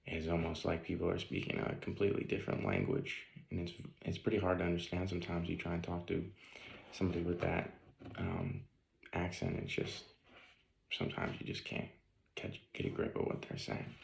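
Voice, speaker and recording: A man's voice: sits low, expressive, brisk, vocal fry, echoey room, low-quality recording. A young man from Northeast Ohio with a slight Northeast Ohio accent, giving a casual, rambling class video presentation full of ums and likes. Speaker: student.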